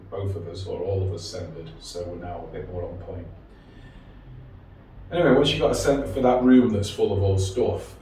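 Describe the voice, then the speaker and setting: Male guide, very deep, calm and casual grounding exercise delivery; strongly reverberant room, faint noise. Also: distant mic.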